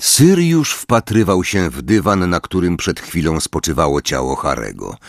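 A man's voice: rumbling low, very animated, normal speed, vocal fry, no room sound, studio quality. A man reading a fantasy audiobook dramatically and expressively. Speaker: audiobook narrator.

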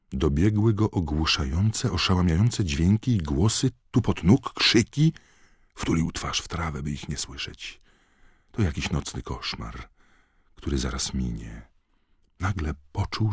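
A man narrating an audiobook in a measured, dramatic reading. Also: very deep voice, gravelly, slightly rough, no echo, clean studio sound. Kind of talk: scripted narration.

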